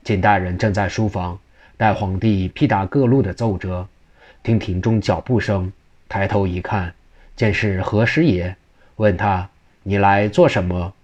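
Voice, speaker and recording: A man reading a classical novel aloud as a storyteller, in steady narration. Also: deep voice, measured pace, lo-fi sound.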